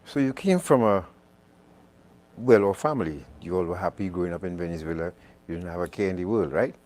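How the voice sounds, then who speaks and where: Hosting a live radio talk show, a man with a deep, slightly mellow voice keeps a brisk, chatty pace. He often repeats words while searching for what to say next.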